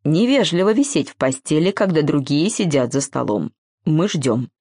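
A woman's voice: low-pitched, big pitch swings, normal speed, dark tone, no room sound, clean studio sound, exaggerated voice. A woman voicing a big, composed male spider who speaks as the stately head of the house. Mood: measured.

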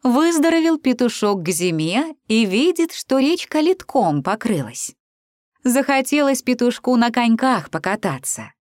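A woman reading a children's fairy tale aloud in an expressive, sing-song way. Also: on the high side, measured pace, no echo, studio quality. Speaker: storyteller.

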